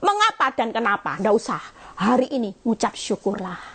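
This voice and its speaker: A woman's voice: fairly high pitch, very animated, moderate pace, fairly bright tone, husky. A middle-aged woman evangelist, preaching an emphatic sermon on a live stream into a phone and addressing her listeners directly.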